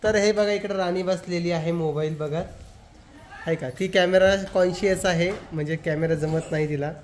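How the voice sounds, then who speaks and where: A man's voice: high voice, fairly even intonation, normal speed, slight background noise. A man hosting a casual family vlog, chatting with relatives and teasing the children in a playful, talkative way. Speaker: family vlogger.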